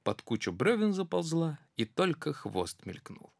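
A storyteller reading a children's verse tale aloud in a rhythmic, expressive way. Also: medium pitch, unhurried, creaky, dry recording, clean studio sound.

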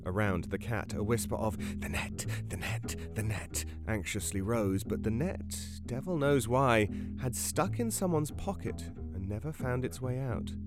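A man reading a story aloud as a podcast narrator, in a measured, expressive delivery. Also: medium pitch, music in the background. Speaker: podcast narrator reading a translated novel excerpt.

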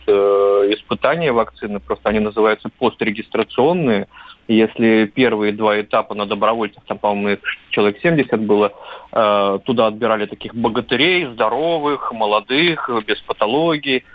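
A man's voice: lowish voice, dry recording. A man talking casually as a radio interview guest, a correspondent who hesitates and stammers with a wry touch over a remote call. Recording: dull, band-limited remote radio link.

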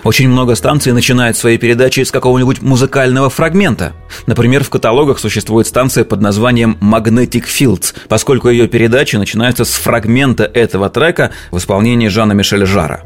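A man narrates an informal explainer as its presenter. He sounds conversational and explanatory, in a medium-pitched voice. Music plays faintly behind him. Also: quick pace.

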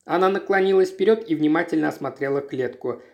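An audiobook narrator reading a literary story in a measured, expressive way. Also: medium pitch, dull audio.

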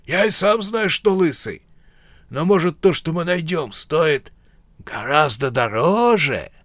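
A greedy old bandit squabbles in a strained, raised voice, as a man reads him. The sound is close and dry, with no room around it. The pace stays slow. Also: on the high side, expressive, a bit bright, no room sound, voice pushed up. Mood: greedy, quarrelsome. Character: elderly male bandit, greedy and quarrelsome.

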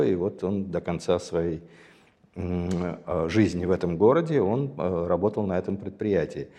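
A man in his sixties, from Azerbaijan, recalls his past as an interview guest with a deep, mellow voice. He speaks in a measured, reflective way, pausing often to choose his words. His voice rings with a long reverb, as if in a large hall. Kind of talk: reflective personal storytelling.

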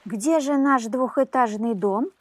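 A woman voicing a greedy, scheming old fisherwoman who pleads and wheedles in a high voice, reading a storybook tale. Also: a little slow, dry recording. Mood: insistent.

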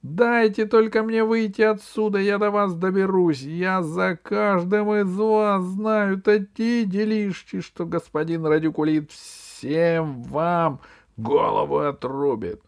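Squealing panicky pygmy crook, high and frantic. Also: male voice, fairly even intonation, slow, clear, resonant tone. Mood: frantic, shrieking. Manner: screeching, desperate shouting. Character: shrill greedy male pygmy traitor, panicky.

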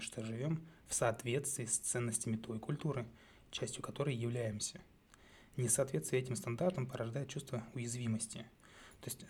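A man hosting a solo psychology talk, speaking in a measured, thoughtful way with frequent hesitations and self-corrections. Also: medium pitch, darkish tone, slight background noise. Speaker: psychology channel host.

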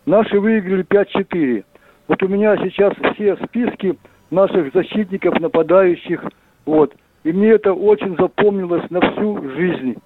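An older man calling in to a live radio show over a landline phone, speaking haltingly as he reads from his old notes. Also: high voice. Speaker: caller. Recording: tinny phone line with faint hiss.

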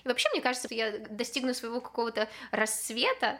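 Woman, 20s, podcast guest, casual chat, relaxed, candid, slightly high pitch. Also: fast. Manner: relaxed, candid, laughs easily.

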